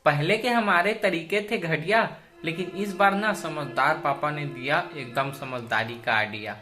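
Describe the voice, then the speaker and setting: A woman voicing a keen, excitable kid pestering his mum, in a lowish voice. It is recorded in an echoey room with music behind. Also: measured pace. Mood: eager. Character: eager excitable young son. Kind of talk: comedy sketch. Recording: roomy room with background music.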